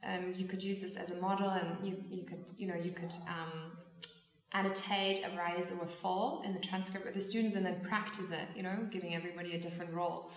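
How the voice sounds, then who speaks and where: A woman's voice: on the low side, little pitch movement, a little fast. A woman English teacher talking through an exam discussion, hesitant and full of fillers and restarts. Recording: echoey room, mic far off.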